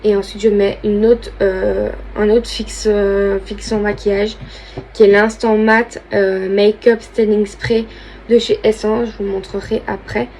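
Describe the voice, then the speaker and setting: A woman's voice: medium pitch, flat delivery, measured pace, a little mellow, slight background noise, rough recording. Chatty young woman doing makeup. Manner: chatty, informal, thinking aloud while she works. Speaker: beauty vlogger. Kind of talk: casual makeup tutorial chat.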